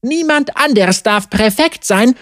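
A nervous young prefect, high and wavering, pleading more than commanding, as a woman narrator puts her on. She sounds hesitant and plaintive, her pitch climbing with each protest. The reading is dry and close. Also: lively intonation, measured pace, fairly bright tone, no room sound. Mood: anxious. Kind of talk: audiobook character voice.

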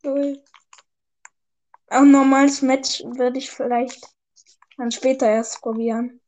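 A high-pitched woman chats casually while gaming with a friend. She talks in slangy bursts, teasing and laughing often. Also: steady tone, takes it slowly, darkish tone. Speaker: gamer.

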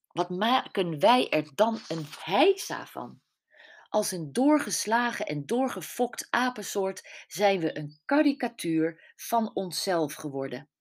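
A middle-aged woman author reading her own personal column aloud in a reflective, deliberate way. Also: lowish voice. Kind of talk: scripted personal narration.

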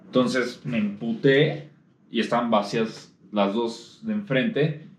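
A man's voice: medium pitch, fairly even intonation, slow, echoey room, a little hiss or hum. A young man with a Mexican accent telling crude, slang-heavy school stories to his friends. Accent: Mexican Spanish. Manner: crude, slangy storytelling with frequent laughter. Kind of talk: casual chat among friends.

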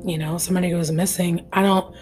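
Hoarse and losing her voice, this true-crime podcast co-host still talks in an earnest, chatty way and laughs readily. She speaks quickly in a fairly low, darkish voice with a level tone, and soft music plays in the background.

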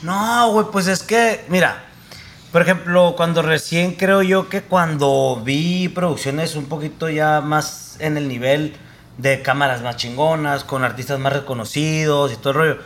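A man's voice: a little high, a little slow, a bit bright. A young man with a Mexican Spanish accent, a producer and director guesting on a podcast, talking in a rambling, slangy way and laughing often. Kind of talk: casual podcast chat.

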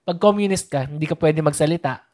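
Woman, low pitch, casual chat, chatty, code-switching. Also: quick pace, warm tone. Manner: chatty, mixing English into her talk, thinking aloud.

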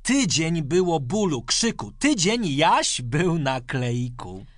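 A woman recites a children's rhyme in a sing-song, expressive manner, her pitch rising and falling widely. She reads slowly and clearly. Her voice is bright and sits close to a dry microphone. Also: no room sound. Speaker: reader. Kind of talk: reading a children's poem aloud.

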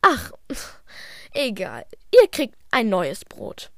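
A woman's voice: on the high side, huge pitch swings, slow, a little mellow, no room sound, clean studio sound, exaggerated voice. A woman voicing a fussy female teacher in a hobby audio drama, scolding and exasperated. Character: fussy female teacher herding unruly kids.

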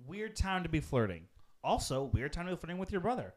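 A man's voice: a little high, big pitch swings, quick pace. A man co-hosting a podcast, chatting casually and exclaiming and swearing as he reacts to a film. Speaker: podcast co-host. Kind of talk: casual chat while watching a movie.

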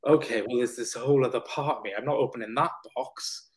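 Male podcast guest, mid-pitched, candid and emotional, rambling with fillers and restarts. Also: steady tone, a little fast. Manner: open, emotional, casually swearing, many fillers and restarts. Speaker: podcast guest, personal trainer and counsellor. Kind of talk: candid conversational storytelling.

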